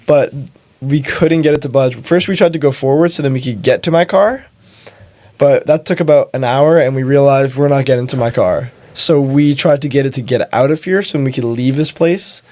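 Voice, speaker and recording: A man's voice: medium pitch, normal speed, darkish tone, dry recording. Young man recounting a story plainly. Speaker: guest, host's son.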